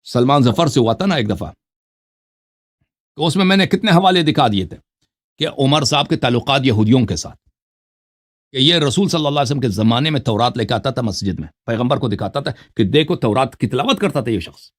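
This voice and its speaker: Insistent lecturing man, lively pitch. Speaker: debater. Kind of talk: heated debate call.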